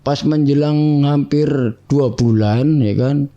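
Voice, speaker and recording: A man telling his life story to an interviewer in a casual, animated way, acting out the dialogue of the people in it. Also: a little high, slow, dull audio. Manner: animated, acts out quoted dialogue in other voices; keeps addressing the listener as "bang".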